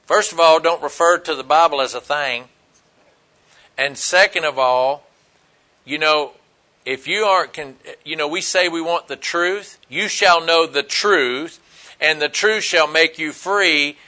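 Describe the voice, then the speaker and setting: A man preaching a folksy, emphatic sermon, swinging between loud outbursts and quiet asides. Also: a little high, measured pace.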